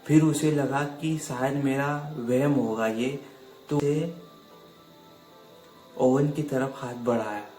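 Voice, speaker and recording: A man's voice: medium pitch, warm tone. Chatty man telling a ghost story. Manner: chatty, addresses listeners as friends. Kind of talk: casual spoken storytelling. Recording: echoey room with faint music.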